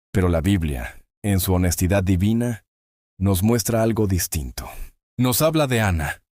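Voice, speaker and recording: Solemn low-voiced man narrating Bible reflections. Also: a little mellow, no echo, studio quality. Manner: solemn, measured, slow with drawn-out phrases. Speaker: devotional narrator. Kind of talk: scripted inspirational Bible narration.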